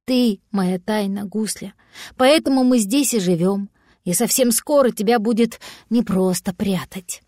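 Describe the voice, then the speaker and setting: A woman doing a weak, soft-spoken sick cat. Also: fairly high pitch, moderate pace, dry recording, studio quality, natural voice. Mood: tender. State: weak from illness. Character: old male cat, weak and ill, gentle father.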